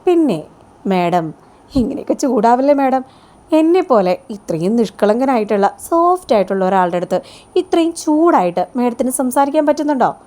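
A woman's voice: on the high side, sing-song, brisk, mellow, voice pushed up. A woman voicing a sleazy male loan manager who pesters a borrower in a storybook-style retelling, talking in a wheedling, smarmy way. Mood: leering.

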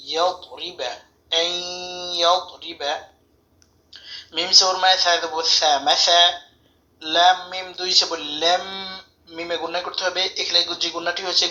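A man teaching tajweed, spelling out Arabic letters syllable by syllable and chanting verses slowly. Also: fairly high pitch, pushed and bright. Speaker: Quran recitation teacher. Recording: roomy echo, dull lo-fi sound.

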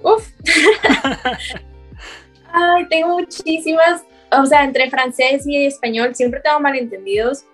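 Mexican woman, podcast guest, scientist; slightly high voice; animated anecdotes with acted-out quotes and frequent laughter. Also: slow, long pauses, faint music behind. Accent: Mexican Spanish. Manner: animated storytelling, acting out quoted dialogue, laughing often. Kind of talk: casual podcast conversation.

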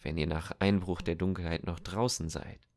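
A man's voice: deep voice, fairly even intonation, moderate pace, dry recording, studio quality. A man reading a cold soldier on horseback in an audiobook, condescending and lecturing.

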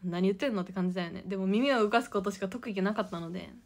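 A woman's voice: medium pitch, very fast, gravelly, darkish tone. A young woman hosting a casual idol livestream, giggly and chatty as she reads out viewer comments.

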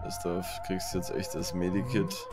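A man casually commenting on his gameplay and reading the game's text aloud in a chatty, running flow, with loud game music underneath. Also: deep voice, fairly even intonation, a little slow. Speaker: let's play gamer.

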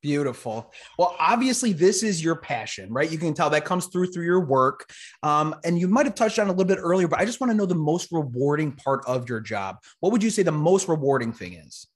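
A man hosts an interview from his home office with a headset mic. His voice sits a bit high, and he asks questions in a friendly, loose way, restarting phrases and dropping "you know". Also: very animated, fairly quick, husky. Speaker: podcast host. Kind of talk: casual interview.

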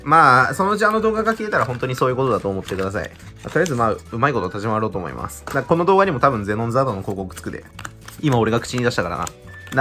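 A young man in his twenties talks fast and casually while unboxing trading cards, excitable and quick to laugh. His voice swoops high and low with very lively intonation, and faint music plays underneath. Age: 20s. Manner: excitable, chatty, laughs often. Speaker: YouTuber opening card packs.

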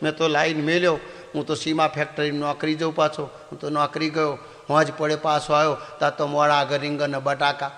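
Animated high-voiced male storyteller. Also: brisk, big-room sound. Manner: animated, switches into character voices for punchlines. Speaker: comedian. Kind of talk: stand-up folk storytelling.

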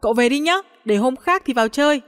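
A woman's voice: high-pitched, expressive, clear, resonant tone, long reverb tail, voice pushed up. Brief: woman voicing a nervous young man covering things up, storybook. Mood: flustered. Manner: nervous, hurried deflecting. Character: flustered young man hiding a secret.

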